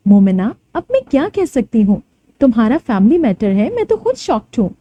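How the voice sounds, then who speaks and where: A woman's voice: fairly high pitch, sing-song, normal speed, dull audio. Chatty young college friend, voiced by a woman. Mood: concerned. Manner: casual, mixes English words.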